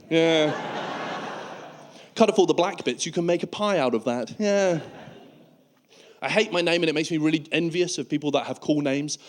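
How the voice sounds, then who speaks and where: A British man delivers stand-up comedy in a voice that sits a little higher than average. He tells stories in an animated manner, slipping into acted-out remarks as he addresses a live audience. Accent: British English. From United Kingdom. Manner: animated storytelling, acting out quoted remarks. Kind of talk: stand-up comedy routine on stage.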